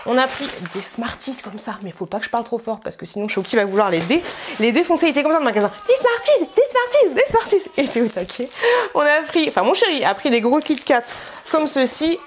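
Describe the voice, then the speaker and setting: A woman's voice: a little high, animated, fairly quick, slight background noise. A woman vlogger chatting at home in a casual, slangy, rambling way as she shows her shopping. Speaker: vlogger showing a grocery haul. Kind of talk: casual chat.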